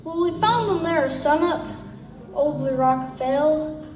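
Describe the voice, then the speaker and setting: Slow, high-voiced woman reciting cowboy poetry. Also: expressive, darkish tone. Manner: storytelling recitation in folksy ranch idiom. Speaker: cowboy poetry performer and singer. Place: live gathering stage, roomy space. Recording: roomy live performance, distant mic, music.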